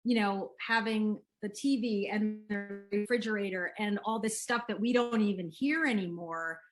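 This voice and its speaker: A middle-aged woman, a parenting expert being interviewed, speaks in a gentle, soothing and unhurried way. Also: mid-range voice, soft background music. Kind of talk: interview conversation.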